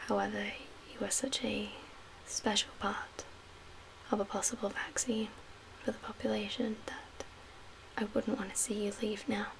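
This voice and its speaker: Hushed and breathy, a woman whispers with measured pauses while playing a calm, guarded survivor-camp medical official in ASMR roleplay. The pitch is medium. The recording is rough, with hiss and ambient noise audible in the background.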